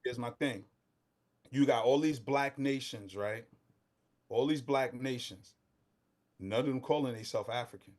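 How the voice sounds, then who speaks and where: A middle-aged Brooklyn, New York man appears as a guest on a casual podcast, speaking in street slang with heated fervor that rises almost to shouting. His voice is mid-range with a measured pace and long pauses.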